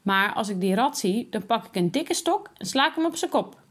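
A woman's voice: on the high side, animated, moderate pace. A woman voicing a young schoolboy who is eager and hot-headed and explains things keenly.

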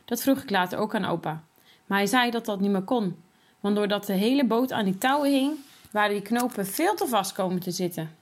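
A woman reading a children's story aloud, expressive and lively, voicing the characters' dialogue. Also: mid-range voice, brisk.

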